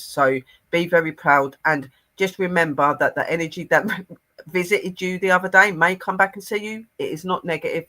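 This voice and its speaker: A man's voice: on the high side, bright, forceful tone. A man, co-hosting and passing on a channeled spirit message in an earnest, rambling way. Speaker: spiritual medium co-host.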